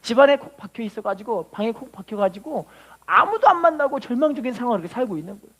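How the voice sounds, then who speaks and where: Man, pastor, sermon, high voice, animated, call-and-response. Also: quick pace. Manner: call-and-response preaching with frequent hallelujahs; preaches with dramatic rises in pitch and volume.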